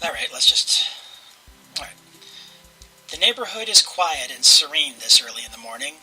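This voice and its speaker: A man's voice: a little high, very animated, moderate pace, sharp tone, slightly rough, faint music behind, rough recording. A man hosting a let's play, casually commentating and reading game narration aloud.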